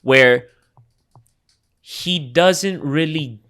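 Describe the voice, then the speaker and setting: A man's voice: a little high, very slow. Laid-back young man chatting about music. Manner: animated, slangy, breaks into imitating rappers. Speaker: podcast co-host. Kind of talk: casual chat about music.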